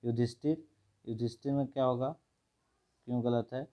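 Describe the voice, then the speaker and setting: A man, teaching a brisk exam revision lesson and going through questions one by one. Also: medium pitch, fairly even intonation, muffled recording. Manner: brisk, repeats each word and asks the viewer. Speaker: Hindi teacher.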